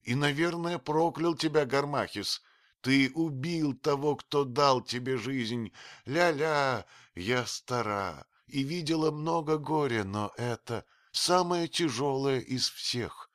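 A man reading an audiobook, voicing a very old grieving female servant who wails and scolds in a strained high voice. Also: lively intonation, slow pace, a bit bright, dry recording, clean studio sound. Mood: lamenting. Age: older.

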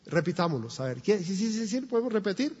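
A man's voice: sits high, sing-song, quick pace, darkish tone, slightly rough. A man pastor, preaching a sermon emphatically, with repetition and rhetorical questions. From Colombia. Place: church. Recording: long church reverb, dull sound.

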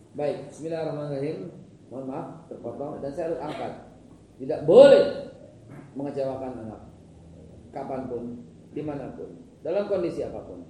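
A man's voice: medium pitch, mellow. Brief: middle-aged man, joking lecture preacher, distant mic, noisy hall. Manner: joking, chatty preacher mixing Arabic phrases. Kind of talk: weekly religious lecture. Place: large echoing study hall. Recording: echoey hall from far off, noisy.

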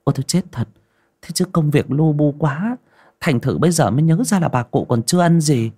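A man's voice: a little high, a little fast, warm tone, breathy edge, pitched above the performer's own voice. A man voicing a flustered middle-aged village woman who stammers and shrieks for help.

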